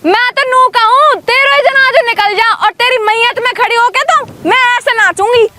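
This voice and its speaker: A woman playing a sharp-tongued old village wife, scolding and threatening in a village comedy skit. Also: extremely high pitch. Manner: scolding, threatening, fast insults. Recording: loud background noise.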